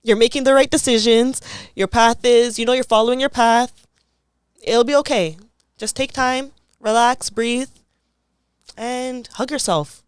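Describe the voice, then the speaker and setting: A young woman from Toronto, Canada, speaks as an interview guest in a thoughtful, casual way, often using "like" as a filler. Her voice is on the high side and smooth, a little slow with frequent pauses, and the audio has no echo.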